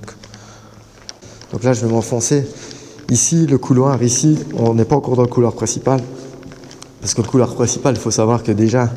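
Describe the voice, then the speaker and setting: Man, Belgian French accent, low dark voice, casual rambling vlog talk, slangy and hushed, long tunnel echo underground. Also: slight background noise. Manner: rambling, many fillers and slang, often hushed. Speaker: urban explorer. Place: deep underground concrete tunnels.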